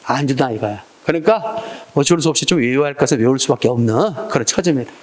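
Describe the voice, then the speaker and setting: A man's voice: medium pitch, expressive, fast, darkish tone. A man teaching an exam-prep Korean language lecture, drilling students with call-and-response prompts. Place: lecture classroom.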